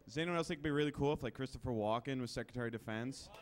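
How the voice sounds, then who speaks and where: A young man doing a chatty, self-deprecating stand-up set on a comedy club stage into a handheld mic. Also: medium pitch. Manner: quick, chatty, self-deprecating, jumping into voices.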